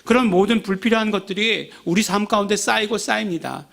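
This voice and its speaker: A male pastor giving a sermon in a conversational way, asking the congregation questions and acting out everyday grumbling in quick asides. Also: high-pitched, creaky, fairly bright tone. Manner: conversational preaching with rhetorical questions and frequent "예?".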